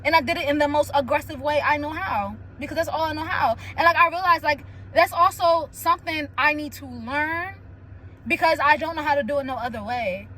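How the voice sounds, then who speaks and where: High-voiced young woman chatting candidly. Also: a little fast, a little hiss or hum, rough recording. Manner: candid, animated storytelling with frequent "like" and laughs. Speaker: podcast host. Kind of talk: casual solo chat.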